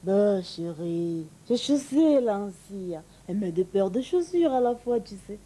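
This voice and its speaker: A woman's voice: mid-range voice, lively intonation, takes it slowly, dark tone, pitched below the performer's own voice, rough recording. A woman voicing a carefree husband, breezy and unbothered, in a comic monologue.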